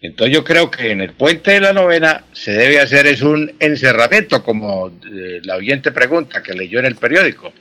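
A man's voice: mid-range voice, lively intonation, normal speed, few pauses, sharp tone. A man answering listener questions on a radio program as a language expert, explaining patiently and repeating his key points.

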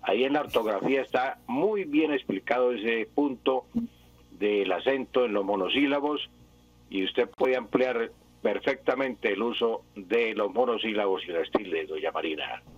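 A man's voice: mid-range voice, unhurried, husky, no echo. A man who is the language expert on a radio show, patiently explaining spelling rules and repeating his examples one by one. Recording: dull lo-fi radio broadcast.

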